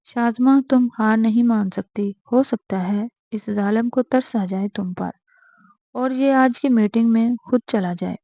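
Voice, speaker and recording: A woman's voice: fairly high pitch, steady tone, mellow, dry recording, muffled recording. A woman reading the part of a feverish young wife who answers back in a defiant, sulky way.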